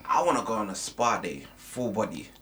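A man's voice: fairly low pitch, sing-song, a little fast, a loud crowd. A young man with a London roadman accent in casual banter, slangy and fond of repeated slogans, recorded with some noise. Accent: London, urban roadman slang. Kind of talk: casual banter between friends.

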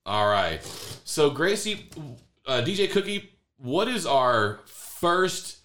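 A man's voice: fairly high pitch, sing-song, slow pace, bright, forceful tone. A man co-hosting a casual family podcast with his child, playful and full of prompting questions. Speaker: podcast co-host and parent.

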